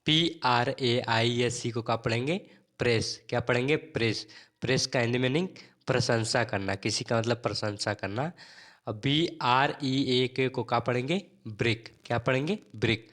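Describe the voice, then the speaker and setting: A man's voice: mid-range voice, fairly bright tone. A man teaching an English lesson, spelling words out letter by letter and asking and answering his own questions in a drilling rhythm. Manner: spells words letter by letter, then repeats them slowly.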